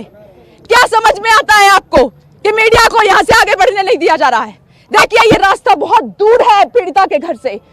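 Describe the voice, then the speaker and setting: A woman's voice: very high-pitched, fairly bright tone. A woman field reporter questioning officials on the spot outdoors, insistent and confrontational, her voice breaking with emotion at times. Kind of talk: live on-the-spot news reporting. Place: outdoors at a police barricade.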